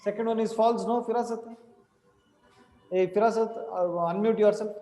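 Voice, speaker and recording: A young programming teacher with an Indian accent runs an informal online class over a computer mic on a video call, repeating instructions and checking in with questions. His high-pitched, warm voice has fairly even intonation at a moderate pace, echoing in a small, reverberant indoor room.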